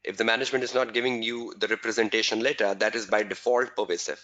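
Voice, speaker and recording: A man teaching an exam webinar, repeating key phrases slowly for emphasis and answering viewers' chat questions by name. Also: on the low side, fairly even intonation, sharp tone, dull audio. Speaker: exam tutor.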